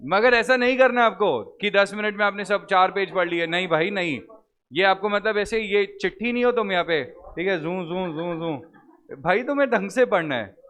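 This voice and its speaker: A man teaching law to a live class, joking with students and slowly drawing out the wording of legal text. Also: sits high, expressive, fairly bright tone. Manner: playful, joking with students, drawls words slowly when reading. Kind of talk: classroom lecture, Hindi mixed with English. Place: recorded classroom studio.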